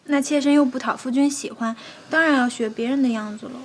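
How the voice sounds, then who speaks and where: A young actress playing a coy, clingy teenage concubine in a comedic period TV drama, talking in a sweet, wheedling way. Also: female voice, high voice, fairly even intonation, fast talker, a little hiss or hum, lightly acted. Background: background music.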